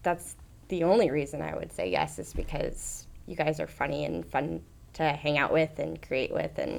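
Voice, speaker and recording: A woman with a slightly low voice chats with her castmates and teases them along the way. Her talk is loose and friendly, with the easy joking of people who know each other well. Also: sing-song, moderate pace, vocal fry. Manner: playful, joking. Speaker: actress, cast member. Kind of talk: casual podcast chat.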